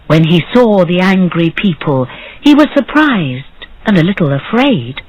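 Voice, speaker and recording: A woman reading a story aloud slowly and clearly for English learners. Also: fairly low pitch, dry recording, dull audio. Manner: expressive, deliberate.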